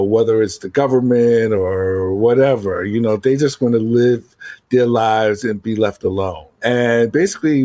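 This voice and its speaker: A man's voice: fairly low pitch, a little mellow, no echo. A man talking as a guest writer in a casual interview, rambling and filling his speech with "you know" and "I mean".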